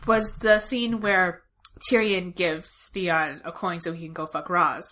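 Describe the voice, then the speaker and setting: A woman's voice: lowish voice, fairly even intonation, a little slow, a bit bright. A woman co-hosting a casual show recap podcast, talking sarcastically with lots of "like" as filler. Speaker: podcast co-host.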